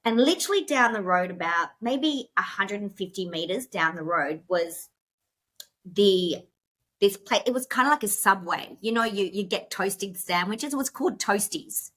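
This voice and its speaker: A woman's voice: mid-range voice, animated, normal speed, a bit bright. A woman who is a podcast guest, telling a personal story in a rush, with many fillers and restarts, and emotional at moments.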